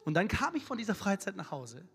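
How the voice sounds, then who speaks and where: A man's voice: sits high, sing-song, fast, a bit bright. A man preaching a sermon, telling a story in an emphatic, colloquial way. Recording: echoey hall, faint music.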